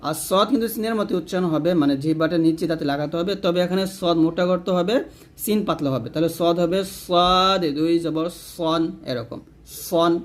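A man, teaching a Quran pronunciation lesson, drawing out each letter sound slowly in drills and moving faster through the explanations. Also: on the high side.

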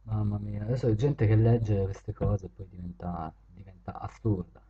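A man chatting with viewers and strangers on random video chat, joking and teasing, switching from loud greetings to low mutters. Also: steady tone, normal speed, highs cut off.

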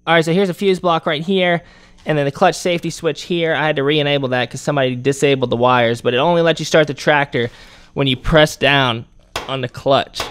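A man's voice: fairly high pitch, steady tone, brisk, fairly bright tone, smooth. A man hosting a hands-on repair tutorial in a workshop, talking casually while he works. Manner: casual, talks while working with his hands. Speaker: channel host.

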